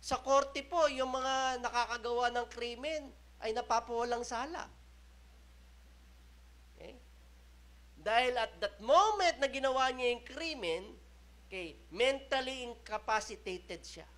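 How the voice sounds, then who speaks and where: Slow, bright-voiced Filipino pastor preaching. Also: male voice, very high voice. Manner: switches between Tagalog and English, frequent "okay?" checks; slow, emphatic preaching with rising and falling intensity. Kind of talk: sermon.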